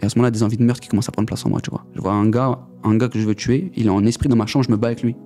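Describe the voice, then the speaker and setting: Rapid-talking young man, slangy testimony. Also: medium pitch, fairly even intonation, warm tone, faint music behind. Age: young adult. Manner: rushed, slangy storytelling with many repeats. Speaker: guest giving a testimony. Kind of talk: casual spoken testimony.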